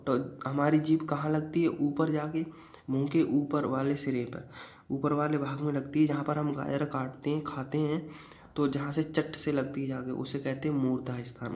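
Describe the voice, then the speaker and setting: A man's voice: on the high side, a little mellow. A man teaching grammar, saying sounds aloud to demonstrate them and asking his own questions, then answering them. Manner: asks a question and answers it himself. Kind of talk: classroom-style explanation.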